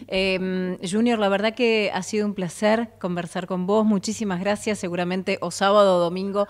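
An Argentine radio host in her thirties with a Rioplatense Spanish accent conducts a live interview in a small studio, friendly and offering many short affirmations. Her medium-pitched voice keeps fairly even intonation at a moderate pace, picked up by a studio mic on a boom arm.

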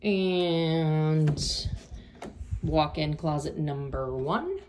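Strolling through an empty condo with a phone held up to film, a Florida realtor gives an upbeat, filler-filled tour in casual narration. Her voice is low-pitched, expressive, very slow and darkish, and the empty rooms echo with noise in the background.

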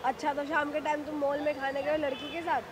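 A woman's voice: high-pitched, flat delivery, fairly quick. Young woman accusing on a noisy street. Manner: accusing, demanding. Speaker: girlfriend in a comedy skit. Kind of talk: acted street skit argument.

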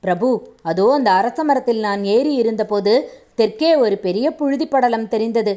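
A woman's voice: fairly high pitch, moderate pace, mellow, close to an everyday voice. A woman reading a loyal male servant and spy in a storybook reading, eager and deferential in her delivery.

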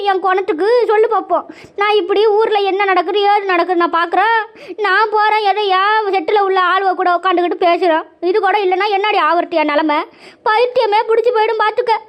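A woman's voice: very high-pitched, fairly even intonation, a little fast. A woman voicing a self-pitying old grandmother in a cartoon who loves to sit and gossip. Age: older. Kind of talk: cartoon voice acting.

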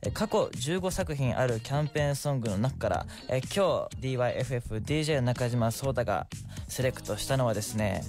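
A man's voice: medium pitch, lively intonation, quick pace, over music. A young man, hosting a radio show in a studio, reading listener letters and answering them in a friendly, chatty way. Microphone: studio microphone.

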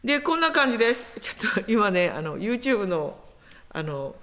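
A woman preaching a sermon in an animated storytelling manner, acting out quotes as she goes. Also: mid-range voice, moderate pace. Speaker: pastor.

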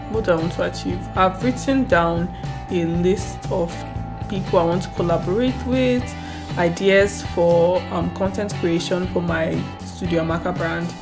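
A young Nigerian woman with a Nigerian accent and a lowish voice vlogs casually, holding the camera close to her face as she walks through a small, bare apartment. She's relaxed and chatty, thinking aloud with lots of fillers, while the empty rooms echo and music plays in the background.

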